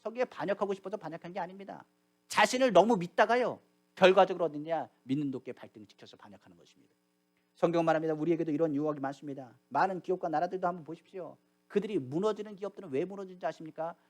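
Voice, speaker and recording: A male pastor preaching a sermon, emphatic, asking rhetorical questions and acting out quoted prayers. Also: sits high. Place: church sanctuary.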